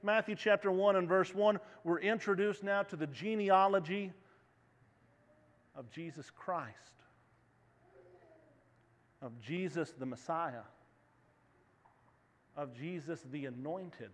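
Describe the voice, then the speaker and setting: A man's voice: high voice, slow pace, long pauses. A man in his thirties preaching a sermon, walking the stage and asking the congregation questions. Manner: walks the stage, gestures, asks the congregation questions. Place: church sanctuary. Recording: long reverb of a church hall.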